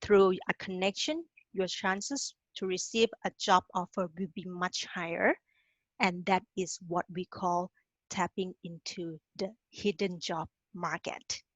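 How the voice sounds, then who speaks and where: Low-ish and fairly even in intonation, this woman's voice moves a little slowly, captured with no room sound but lo-fi quality. She's a Thai career advisor giving a webinar to international students, offering direct, encouraging coaching and often asking "okay?" at the end of lines.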